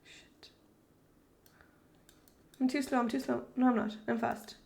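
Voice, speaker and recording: A woman streaming a game live, talking to her chat and shrieking with excitement at tense moments. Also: on the high side, a little slow, gravelly. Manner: talks to chat as "darlings".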